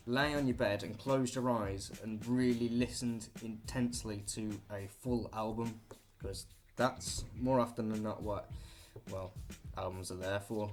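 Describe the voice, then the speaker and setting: A young British man talking through a list of things to do at home, rambling and jokey with offhand asides. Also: lowish voice. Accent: British English. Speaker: vlogger. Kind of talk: casual listicle monologue.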